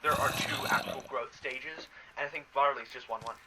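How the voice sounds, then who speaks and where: A man's voice: mid-range voice, fairly even intonation, moderate pace. Teasing man over background noise. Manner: teasing, explanatory. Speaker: co-player. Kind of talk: casual gameplay chat.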